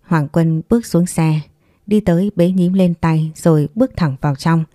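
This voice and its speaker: A woman narrates a scripted audiobook story in a steady, even voice. Her tone is low and warm. The recording is dry and close to the mic. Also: normal speed, no room sound.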